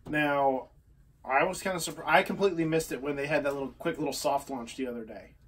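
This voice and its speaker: A man co-hosting a casual podcast chat, chatty and quick to argue a point. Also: a little high, a bit bright, distant mic. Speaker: co-host.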